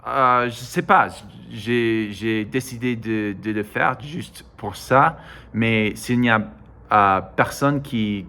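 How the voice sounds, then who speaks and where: A low-pitched American man vlogs casually in broken French as a native English speaker. His delivery is slow and halting, full of hesitations, repeated starts and self-corrections. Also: a bit bright. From United States. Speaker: vlogger. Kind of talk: casual monologue to camera.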